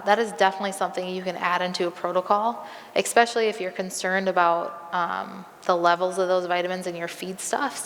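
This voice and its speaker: Gravelly-voiced woman in a big hall. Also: lowish voice, slight background noise. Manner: conversational, many um fillers, practical. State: losing her voice. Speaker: veterinarian answering audience questions. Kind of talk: live Q&A at a presentation.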